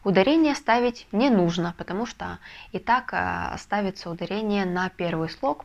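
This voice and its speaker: A woman teaching a video lesson, explaining step by step with patient, soft confirmations. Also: medium pitch, creaky. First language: Russian. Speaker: Spanish language teacher. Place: language school in a Russian city.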